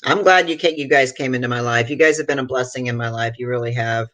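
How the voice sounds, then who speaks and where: A woman's voice: rumbling low, fast, a bit bright, no echo. A woman in her fifties from Florida, co-hosting a live stream and speaking bluntly, swearing freely. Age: 50s. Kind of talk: casual chat.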